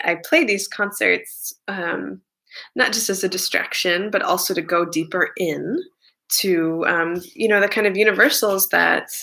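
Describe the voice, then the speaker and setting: A singer-songwriter chats casually between songs at a concert streamed from her home. She is rambling and chatty, with many fillers and side remarks. Her lowish voice is gravelly and bright, with a forceful tone.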